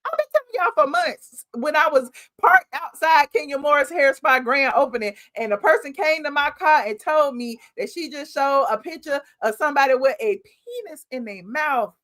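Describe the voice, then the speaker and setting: A woman's voice: high voice, animated, normal speed, few pauses, fairly bright tone. A woman hosting a casual reality TV gossip commentary, smug and sarcastic, emphatic and given to repeating phrases for effect. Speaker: YouTube host reviewing reality TV.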